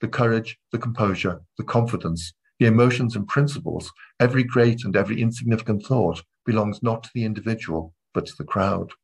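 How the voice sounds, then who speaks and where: A man giving an academic literature lecture, measured in delivery, weaving read passages into his commentary. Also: lowish voice, vocal fry, slightly rough, poor audio. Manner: measured, reads quoted passages aloud between comments.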